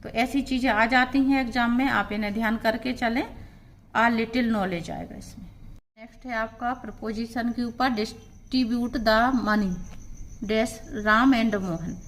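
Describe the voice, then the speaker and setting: A woman teacher with a somewhat high voice works through an exam-prep grammar lesson at an unhurried pace. She explains each rule step by step and reads the example sentences aloud. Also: steady tone, slight background noise.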